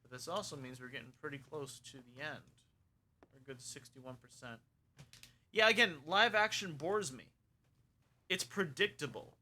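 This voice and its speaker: Young man, very bright sharp tone, casual stream chatter, rambling and opinionated, faint background noise. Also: fairly high pitch, moderate pace, long pauses.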